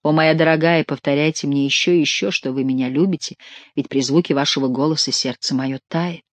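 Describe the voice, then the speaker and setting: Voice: medium pitch, fairly even intonation, a little fast, no echo, natural voice. Amorous young male king, tender and effusive, as an audiobook reader puts him on; dry, close sound. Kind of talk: audiobook character reading.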